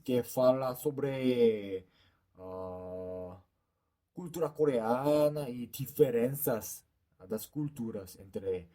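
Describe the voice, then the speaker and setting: A young man in his twenties from South Korea with a Korean accent, speaking a second language haltingly in a casual interview, often pausing to search for words. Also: mid-range voice, dark tone. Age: 20s. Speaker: interviewee, YouTuber.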